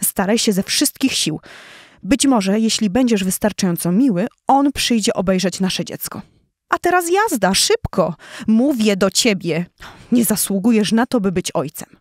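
Brief: fierce lioness mother, scolding and roaring, high and loud, read by a woman. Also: expressive, moderate pace, no room sound, clean studio sound, natural voice. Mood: furious.

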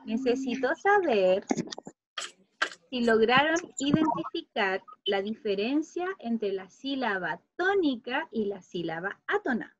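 A Chilean woman teacher with a very high voice, speaking slowly and drawing out each word for young children on a video call. The sound is dull, lo-fi and dry. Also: big pitch swings, slight background noise. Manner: slow, clear, drawn-out words for children. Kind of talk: online class for young children.

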